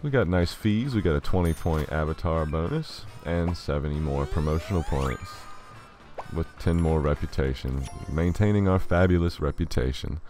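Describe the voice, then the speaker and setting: Low-voiced guy narrating a game playthrough, dry sarcastic asides, reads the dialogue out in voices. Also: moderate pace, darkish tone, faint music behind. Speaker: let's play host. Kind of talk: game commentary.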